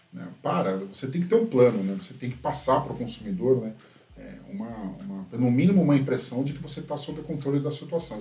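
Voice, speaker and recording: Mellow man in a roomy echo. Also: mid-range voice. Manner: critical, tags sentences with a questioning "right?". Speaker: host, tech commentator. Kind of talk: casual opinion commentary. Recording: roomy echo from a distant mic.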